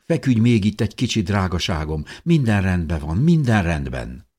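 A man's voice: low-pitched, very animated, darkish tone, husky, pitched above the performer's own voice, full character voice. A man voicing a frantic young mother. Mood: soothing. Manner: frantic, pleading. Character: frightened young mother hiding in a cave. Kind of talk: audiobook character voice.

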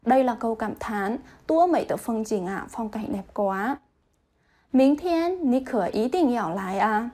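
Mellow-voiced woman teaching vocabulary. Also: a little high, expressive. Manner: reads example sentences slowly, then translates. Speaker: Chinese language teacher. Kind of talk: vocabulary lesson with example sentences.

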